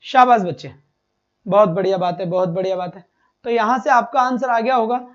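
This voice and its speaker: A man runs a live online lesson for exam students. He asks quick questions, repeats every answer and calls his pupils "beta". The stream audio is dull and lo-fi. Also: high-pitched. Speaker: English teacher for an exam-prep class.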